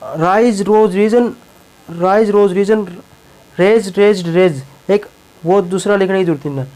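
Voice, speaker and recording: Male teacher, high-pitched voice, repetitive, explanatory classroom lesson. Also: measured pace, darkish tone, low-quality recording. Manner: repeats words and tags lines with a check-in phrase. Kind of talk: classroom lesson explaining English verbs in Hindi.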